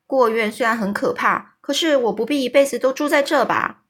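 Female storyteller doing a plucky young orphan girl in a storybook, plain-spoken, bright voice. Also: fairly high pitch, a little fast, breathy edge. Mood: worried.

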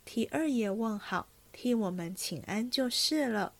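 A woman voicing a calm, sensible senior maid who speaks softly and with measured care. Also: on the high side, creaky, exaggerated voice. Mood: gentle.

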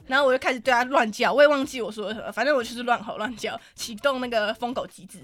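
A woman with a Taiwanese Mandarin accent, telling stories in a casual podcast chat, animated and swearing freely. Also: on the high side, racing. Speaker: podcast co-host.

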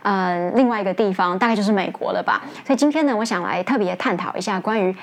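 A woman teacher, hosting an English lesson in a chatty, casual way, often laughing and jumping up in pitch to stress points. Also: fast.

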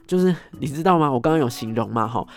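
A man telling a story as host, animated, acting out scenes and ending phrases with soft tag particles. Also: medium pitch, fast. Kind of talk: casual storytelling monologue.

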